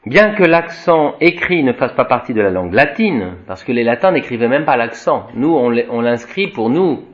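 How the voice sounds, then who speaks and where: A man's voice: mid-range voice, sing-song. Dull-sounding man teaching Latin aloud. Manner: slow explanatory, tags sentences with "hein" and "voyez", frequent restarts; spells out Latin words slowly, chanting declensions. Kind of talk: classroom lecture, reading from a textbook and commenting. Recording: dull lo-fi recording.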